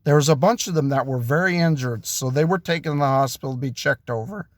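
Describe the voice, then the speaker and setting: A man telling an improvised story in a halting way, with restarts and self-corrections. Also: medium pitch, no echo, clean studio sound. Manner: slow, halting delivery with restarts.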